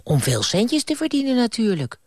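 A man putting on a squeaky, eager young fame-seeker. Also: moderate pace, no room sound, clean studio sound, full character voice. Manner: high excited voice, whiny and pleading. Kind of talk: column read aloud as a bedtime story.

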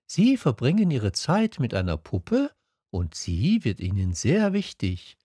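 A man reading an audiobook and voicing a gentle, curious little boy prince with earnest, wondering questions. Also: mid-range voice, wildly swooping pitch, measured pace, breathy edge, no room sound, clean studio sound, exaggerated voice. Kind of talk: audiobook character voice.

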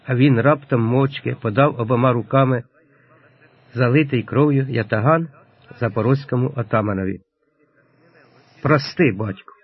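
A man narrating a historical story in a steady, solemn reading. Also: medium pitch, normal speed, husky. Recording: lo-fi dull audio, dry.

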